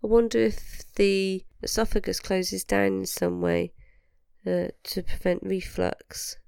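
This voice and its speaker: A British woman co-hosts a casual comedy podcast in a croaky, froggy voice. It has a gravelly fry yet comes through cleanly, in a very dry recording. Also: mid-range voice, steady tone, slow, darkish tone, dry recording. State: croaky, with sniffs and coughs. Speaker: podcast co-host. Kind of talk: casual comic podcast chat.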